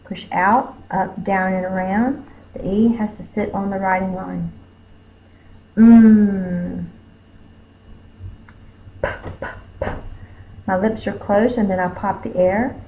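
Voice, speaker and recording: A woman teacher, slowly sounding out letters and sounds in a phonics spelling lesson. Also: mid-range voice, fairly even intonation. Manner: slow, careful, sounding out each letter. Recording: tinny phone-like lo-fi recording.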